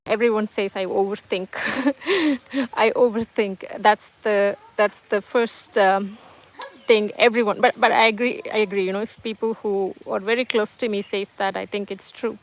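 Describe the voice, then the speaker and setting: The livestream host is a woman whose native language is Tamil, chatting casually at home and reading viewers' comments in a reassuring, halting style marked by many fillers and restarts. Her voice is medium in pitch, fairly even in intonation, and at normal speed, captured on a low-quality recording.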